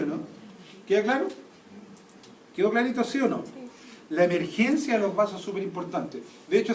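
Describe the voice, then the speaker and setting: A man teaching an anatomy class, constantly quizzing students with check questions. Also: high-pitched. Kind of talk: classroom lecture. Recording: echoey room, taped from a distance, faint noise.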